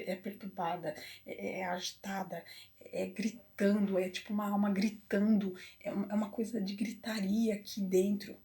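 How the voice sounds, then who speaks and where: A woman telling a personal story to camera, emotional and halting with many restarts. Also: mid-range voice, darkish tone. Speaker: vlogger. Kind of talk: personal confessional talk.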